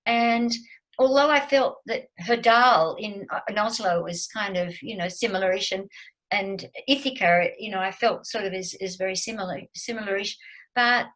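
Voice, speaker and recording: A woman's voice: medium pitch, normal speed, fairly bright tone, rough recording. Woman, seventies, hesitant, lots of fillers, video call guest. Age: 70s. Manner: hesitant, many fillers and restarts. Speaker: guest speaker. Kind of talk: casual chat on a video call.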